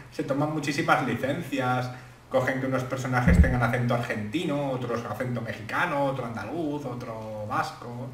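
A man's voice: mid-range voice, a bit bright. A young man with a Spain Spanish accent doing casual let's play commentary, joking, swearing lightly and reading game text aloud. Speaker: gaming channel host. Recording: echoey room, distant mic, faint hiss.

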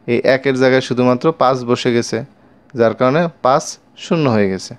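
A man's voice: medium pitch, clean tone. Bengali-accented male math teacher, patient times-table recitation for young kids, each line said twice. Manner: slow, repeats each multiplication line twice; addresses pupils directly with questions.

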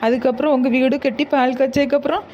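Woman playing a practical village woman, southern Tamil accent, fairly high voice, muffled lo-fi recording. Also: steady tone, fast, a little mellow, a little hiss or hum, lightly acted.

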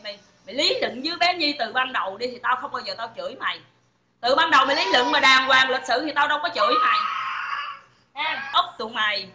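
A woman's voice: high-pitched, roomy sound, a little hiss or hum. A woman with a Southern Vietnamese accent, ranting profanely and taunting her listeners on a phone livestream. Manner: profane, taunting, shouting insults. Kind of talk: angry livestream rant.

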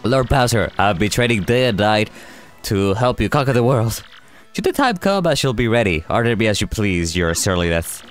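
A man's voice: lowish voice, animated, moderate pace, faint music behind, lightly acted. A jittery minion from a video game voiced by a man close to his own voice, stammering through his apologies. He stays polite and eager to please. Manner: stammering, deferential. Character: nervous male Koopa minion underlings. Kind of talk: voicing game dialogue.

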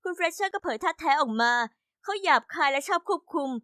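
Female narrator, high register, dry close sound, steady scripted storytelling. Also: quick pace, no room sound. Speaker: narrator voicing all characters.

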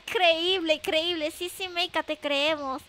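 A woman livestreamer with an anime-like voice, chatting casually and playfully with viewers, often exclaiming and repeating herself. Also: very noisy. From Japan. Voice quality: very high anime-like voice.

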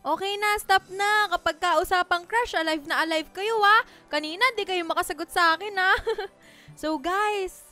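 A woman's voice: very high-pitched, normal speed, sharp tone, faint music behind. A Filipina woman with a Filipino accent, chatting playfully and teasing while roleplaying in a game, laughing often. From Philippines. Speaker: Roblox roleplay creator.

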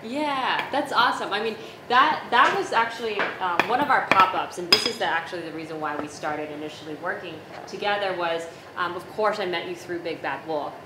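A woman's voice: fairly low pitch, fairly quick, few pauses, very noisy. A woman in her thirties hosting a cooking chat, talking casually with many restarts, recorded by a far camera in a home kitchen. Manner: chatty, many likes and restarts. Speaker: host. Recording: distant echoey kitchen with loud clatter.

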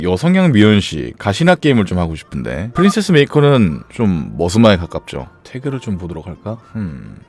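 A man's voice: fairly low pitch, darkish tone. A man streaming live, chatting casually and joking in an absurd, rambling way. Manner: playful, absurd rambling jokes.

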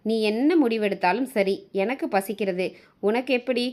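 A woman voicing a caring husband in a storybook reading, speaking in a soft, soothing way. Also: on the high side, moderate pace, natural voice. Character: caring gentle husband, adult man.

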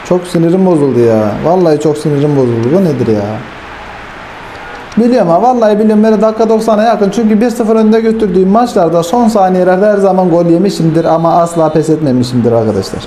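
A man doing lively football-game commentary, his voice a little higher than most men's but dark and mellow in tone. He talks straight to his viewers like friends, jumping between hype and irritated grumbling. A faint hum sits under the recording. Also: fast. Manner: excitable, swings from hype to frustrated grumbling. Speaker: gaming YouTuber.

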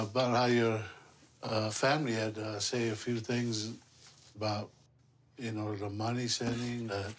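A middle-aged man from the Pacific islands, speaking seriously and haltingly in an unscripted conversation, with measured pauses. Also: medium pitch. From Pacific islands, Samoa. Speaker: father-in-law, reality show participant. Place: small indoor room in a house.

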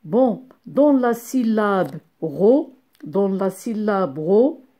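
A woman teacher who talks very slowly and carefully, dwelling on every sound. Her voice is soft and mellow, and she keeps encouraging her young pupils as she goes. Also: medium pitch, expressive. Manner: slow and deliberate, repeats each sound and syllable; encouraging, addresses pupils as "my dear ones". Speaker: primary school teacher. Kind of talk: slow classroom phonics lesson.

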